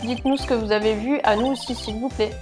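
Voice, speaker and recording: A woman voicing an earnest young male defense lawyer in a video game, in a measured, questioning way over game music. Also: on the high side, steady tone, darkish tone, natural voice. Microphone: lapel mic.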